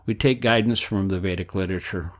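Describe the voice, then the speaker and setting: A man's voice: sits low, natural voice. Man reading as an old teacher, patient. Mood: explaining. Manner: measured reading, marks quotes aloud. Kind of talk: reading a book aloud.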